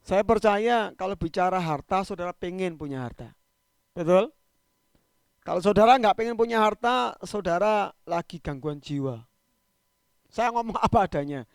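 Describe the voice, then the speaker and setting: Gravelly, high-pitched pastor. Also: male voice, animated, normal speed, pauses often, no echo, clean studio sound. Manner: conversational preaching, swings between loud emphatic peaks and quiet trailing endings. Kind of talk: sermon. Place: church livestream.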